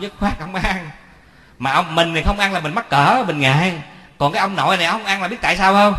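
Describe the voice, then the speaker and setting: A man preaching a Buddhist sermon, telling a story and putting questions to his listeners. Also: on the high side. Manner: lively, asks the audience questions. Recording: echoey hall with long reverb.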